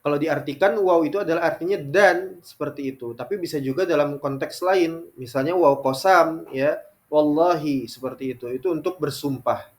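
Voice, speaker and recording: Guy teaching arabic online, bit high voice, drags out the example words, says "ya" a lot. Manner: slow, drawn-out reading of Arabic examples; frequent filler "ya" between phrases.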